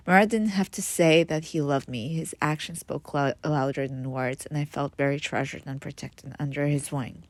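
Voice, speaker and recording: An Israeli memoir author whose first language is Hebrew reads her own book in English, narrating her life in the first person with a low, grounded, steady voice. She's earnest and reflective at normal speed with few pauses, occasionally stumbling and restarting a word. The recording is close and dry, with no room sound.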